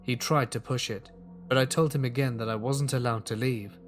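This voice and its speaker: Man calmly narrating a horror story. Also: medium pitch, moderate pace, soft background music.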